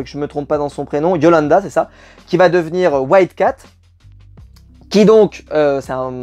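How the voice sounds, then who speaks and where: A man's voice: fairly high pitch, darkish tone. Rambling young French-speaking man. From France. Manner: rambling, many fillers and repeats. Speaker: YouTube series reviewer. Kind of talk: casual spoken review.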